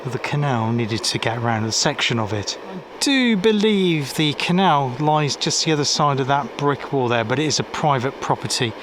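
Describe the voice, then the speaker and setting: A man from Gloucestershire with a local accent, chatting casually as he walks by a river and road, rambling with small restarts. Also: mid-range voice. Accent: Gloucestershire English. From Gloucestershire, England. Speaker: walking vlogger. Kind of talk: casual walking commentary. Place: outdoors by a river and busy road. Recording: faint outdoor road noise. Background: faint road and weir noise.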